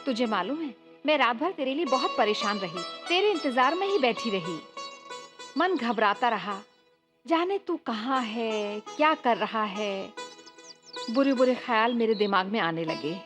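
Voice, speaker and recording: Fussing caring big sister. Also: female voice, fairly high pitch, animated, a little slow, music in the background. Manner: fussing, tender scolding. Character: caring older sister, anxious and affectionate. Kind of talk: Hindi film dub. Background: film score.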